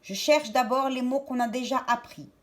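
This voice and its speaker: A woman teacher giving a lesson to young children, speaking slowly and clearly and repeating words and syllables. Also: high voice.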